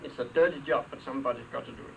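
Rapid-fire and medium in pitch, an older Danish man speaking with a Danish accent gives an after-dinner luncheon speech full of humor. Wry, dry anecdotes and comic asides fill his talk, recorded from afar in a hall with a live audience and obvious background noise.

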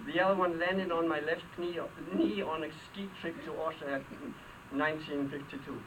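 A man's voice: on the high side, level tone, moderate pace. An older man from Denmark with a Danish accent gives a humorous luncheon speech, telling stories in a dry, wry way with comic asides. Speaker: after-dinner speaker. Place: hall with a live audience. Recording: distant mic, clear background noise.

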